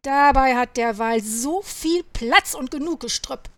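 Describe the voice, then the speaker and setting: A woman's voice: sits high, measured pace, fairly bright tone, no echo. A woman doing a grumbling, scolding farmer. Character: grumpy scolding old male farmer.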